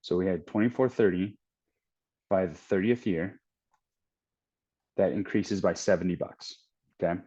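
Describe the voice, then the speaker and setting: With a low, mellow, husky voice, this thirty-something trading-channel host speaks unhurriedly and leaves long pauses. He thinks aloud in a rambling way, restarting often while working out figures during a casual screen share, all captured in dull lo-fi sound.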